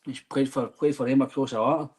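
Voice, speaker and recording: A Scottish man in his thirties co-hosting a podcast, easygoing and quick to laugh in casual banter. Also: mid-range voice, steady tone, a little mellow, slightly rough. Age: 30s. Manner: easygoing, laughs often between quips. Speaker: podcast co-host. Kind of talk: casual chat.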